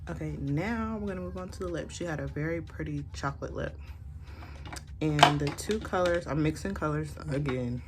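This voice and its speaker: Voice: medium pitch, normal speed, very noisy. A makeup tutorial host chatting casually, with a sassy, campy, playful manner. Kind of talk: casual chat while doing a makeup tutorial.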